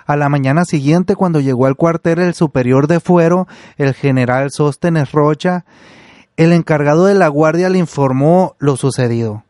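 A man's voice: a little high, normal speed, darkish tone, dry recording, studio quality. Man narrating a story. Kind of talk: storytelling narration then casual commentary.

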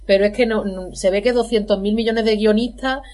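A woman's voice: medium pitch, steady tone, fairly quick, darkish tone. A woman in a casual film discussion, talking in an exasperated, emphatic way. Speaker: film commentator.

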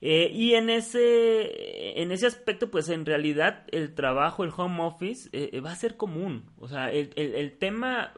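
A man's voice: on the high side, animated, a little slow, few pauses. A man co-hosting a podcast in casual chat, with a hesitant way of talking full of fillers and restarts. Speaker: podcast co-host.

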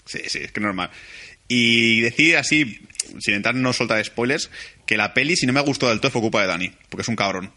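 A man chatting excitedly about a film on a podcast, swearing and laughing often. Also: mid-range voice, a little fast. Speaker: podcast co-host. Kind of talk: casual film-review chat.

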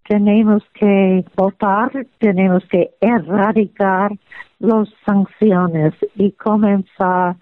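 A woman guest in a radio interview speaks Spanish with a clear American accent, as a native English speaker. Her delivery is slow and halting as she searches for words. The sound is narrow and phone-like, with no room echo. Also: mid-range voice. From United States. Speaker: interview guest, former diplomat. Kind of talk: radio interview, opinion and anecdote.

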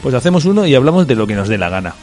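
A man's voice: medium pitch, big pitch swings, racing, darkish tone, faint music behind. A man speaking as a guest on a podcast in casual chat, agreeable and repeating himself often.

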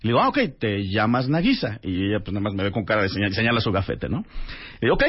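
A man, a radio guest telling a lively anecdote and acting out the dialogue. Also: fairly low pitch, very fast, slightly rough. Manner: animated storyteller acting out dialogue. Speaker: radio guest, author and translator. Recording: dull lo-fi radio audio.

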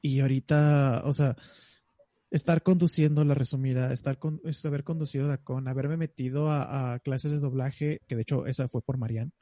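A young man with a Mexican accent, co-hosting a casual chat, telling stories in a lively way with playful voices. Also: medium pitch, moderate pace, no echo. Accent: Mexican Spanish. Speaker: co-host.

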